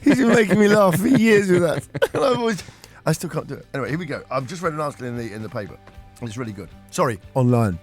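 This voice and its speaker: A man's voice: a little high, animated, fast talker, soft background music. A man hosting a radio show, joking and laughing in casual banter. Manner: jokey, playful, laughs a lot.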